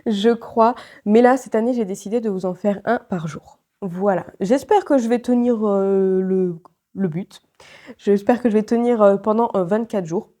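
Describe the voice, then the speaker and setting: A woman vlogger with a head cold chats casually to the camera, her voice stuffy and nasal, mid-range and dark in tone. She fills her talk with fillers and keeps restarting her sentences.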